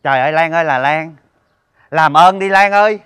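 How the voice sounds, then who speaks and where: A man's voice: a little high, fairly quick, a bit bright, smooth, no echo, lightly acted. A man playing a flustered friend in a stage comedy sketch, defensive and pleading.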